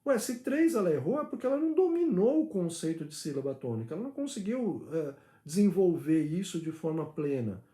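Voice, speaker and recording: High-voiced man musing, echoey room. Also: very animated, a little fast, few pauses, mellow. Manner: reflective, argumentative, many hesitations and acted-out dialogue. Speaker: father homeschooling his daughter. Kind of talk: spoken opinion monologue.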